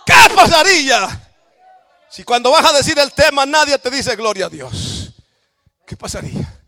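A Salvadoran man preaches in a church, his voice pitched very high for a man. He drives the sermon with shouted, emphatic cries of praise and calls for the crowd to answer. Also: very animated, unhurried. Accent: Salvadoran Spanish.

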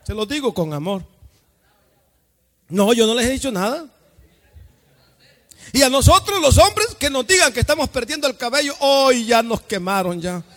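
A male pastor preaching an evangelical sermon, joking in quiet asides and breaking into sung, shouted praise. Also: extremely high pitch, big pitch swings, normal speed, long pauses. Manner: jokey preaching that swings between intimate asides and sung shouts. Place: church. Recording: echoey church hall.

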